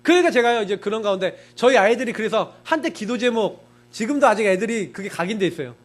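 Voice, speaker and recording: A man's voice: high-pitched, quick pace. A middle-aged man preaching a sermon as pastor, telling personal stories in a conversational way and acting out his own thoughts in quoted asides. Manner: animated, conversational preaching with frequent emphatic particles.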